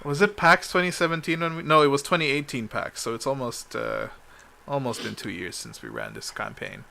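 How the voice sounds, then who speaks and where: A man running a tabletop game as game master, recapping the last session in a halting way, full of ums and uhs. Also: medium pitch, animated, creaky, pushed and bright.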